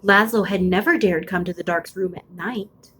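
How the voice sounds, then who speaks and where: A woman reading a children's picture book aloud expressively, with deliberate, suspenseful phrasing. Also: fairly low pitch, fairly bright tone, slight background noise. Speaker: storybook reader.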